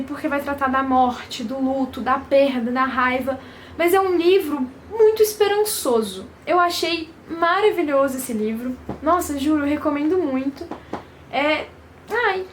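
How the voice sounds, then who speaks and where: Chatty Brazilian woman, high voice. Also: slight background noise. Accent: Brazilian Portuguese. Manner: chatty, effusive, lots of fillers. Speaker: book vlogger. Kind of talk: casual book review chat.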